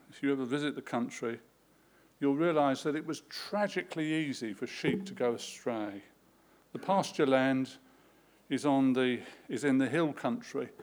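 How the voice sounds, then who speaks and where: A man preaching a sermon, telling stories with dramatic, repetitive flourishes. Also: mid-range voice. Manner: lively, dramatic storytelling with vivid repetition. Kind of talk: sermon with storytelling.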